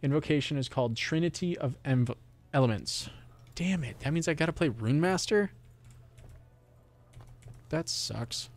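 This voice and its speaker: This young man's voice is fairly high and animated, and he takes his time with frequent pauses. Nursing a sore throat, he streams a game with casual commentary, rambling and swearing at both himself and the game.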